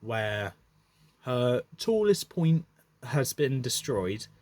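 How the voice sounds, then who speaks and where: A man narrates a creature battle at an unhurried pace. His telling is loose and unscripted, full of fillers and quick self-corrections. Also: mid-range voice, very animated, a little mellow. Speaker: storyteller.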